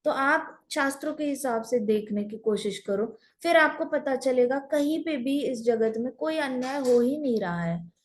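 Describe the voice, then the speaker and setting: A woman's voice: high-pitched, animated, normal speed. A woman teaching a scripture class through storytelling, mixing in English phrases.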